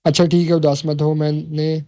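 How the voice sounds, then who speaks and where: A man narrating a novel, voicing an affectionate middle-aged aunt gently asking her niece what is wrong. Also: fairly high pitch, little pitch movement, lightly acted. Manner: fond, gently questioning. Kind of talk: audiobook novel reading.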